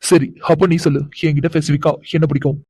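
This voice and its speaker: A woman's voice: low-pitched, little pitch movement, fast, dark tone, breathy edge, no echo. A woman doing a teasing, doting cartoon husband. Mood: teasing, fond. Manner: teasing, chuckling, coaxing. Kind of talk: animated cartoon voice acting.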